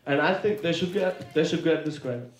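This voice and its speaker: A man's voice: on the high side, normal speed, reverberant. A man speaking bluntly and defiantly at a press conference, heard in an archive recording.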